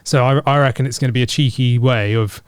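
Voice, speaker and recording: Man, podcast co-host, smooth resonant voice, dry close mic. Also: medium pitch, fast talker, dry recording. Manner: chatty, animated, mimics sounds and voices. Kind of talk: casual chat reacting to a game trailer. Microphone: studio podcast mic.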